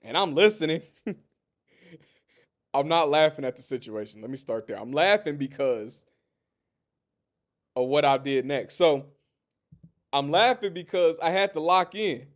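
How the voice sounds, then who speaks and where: A man with a high, bright-toned speaking voice hosts his own sports show. He talks casually and animatedly, addressing listeners directly and drifting into story time. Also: a little slow, pauses often. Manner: animated, talks straight to listeners, tells stories. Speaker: sports podcast host.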